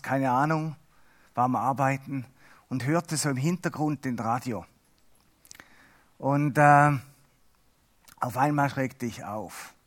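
A middle-aged Swiss lay preacher, whose first language is Swiss German, gives a chatty, halting sermon full of self-mocking humor. His voice is medium-pitched and a bit bright.

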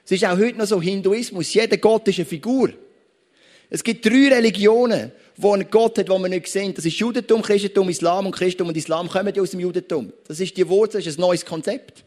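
A man's voice: high-pitched, a little fast, a little mellow. A man with a Swiss German accent preaching a sermon, speaking conversationally and addressing the listeners directly. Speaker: pastor.

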